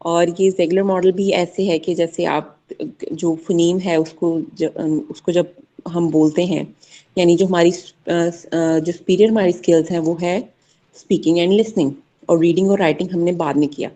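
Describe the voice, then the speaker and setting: A young woman giving a class presentation, halting with many fillers as she mixes two languages. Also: on the low side, steady tone, dark tone. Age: young adult. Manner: hesitant, many fillers, mixes Hindi-Urdu and English. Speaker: student presenter.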